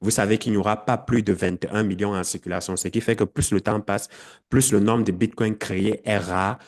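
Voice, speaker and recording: A man's voice: lowish voice, steady tone, a little fast, a little mellow. A man explaining a screen-share tutorial to his viewers, with frequent fillers and self-corrections. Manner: talks straight to viewers. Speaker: crypto educator.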